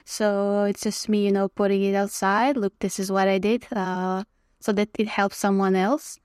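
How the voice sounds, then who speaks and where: A woman's voice: mid-range voice, little pitch movement, normal speed, darkish tone, clear, resonant tone, dry recording, clean studio sound. Chatty Croatian-born woman guest. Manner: friendly, laughs often, many fillers. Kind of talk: casual chat.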